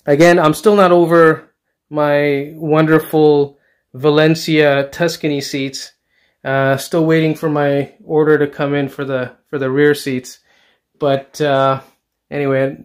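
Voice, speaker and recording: A middle-aged home theater enthusiast and vlogger gives a relaxed but enthusiastic handheld-camera tour of his dark indoor basement theater, stumbling through fillers and restarts. His clear, resonant voice is on the high side, level in tone, and unhurried.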